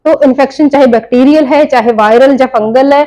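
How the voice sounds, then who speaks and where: A nursing tutor from India teaches her class in Hindi sprinkled with English terms, walking through each step and posing questions she then answers herself. Her voice is high-pitched and dark in tone, and she talks a little fast in this explanatory lecture.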